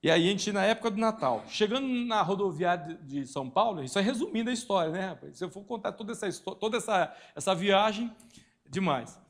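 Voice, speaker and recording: A man's voice: high voice, lively intonation, fast talker. A man in his forties from Brazil, a pastor telling a personal story in a church sermon, acting out voices and sound effects. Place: church hall.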